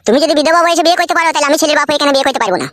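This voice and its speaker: A woman's voice: high voice, racing, a bit bright, no echo, studio quality, pitched below the performer's own voice. A woman voicing a foul-mouthed, defiant young village husband in a comedy cartoon. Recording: noisy recording.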